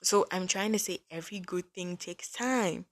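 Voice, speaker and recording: A woman's voice: on the low side, moderate pace. A woman in her early twenties hosting a casual faith-based podcast, chatty and earnest, with lots of "like" fillers. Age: early 20s. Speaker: podcast host.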